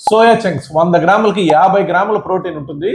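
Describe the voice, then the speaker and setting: Fast-talking high-voiced man, echoey room. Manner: brisk, listing facts with numbers. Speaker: nutrition content creator. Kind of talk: quick countdown explainer.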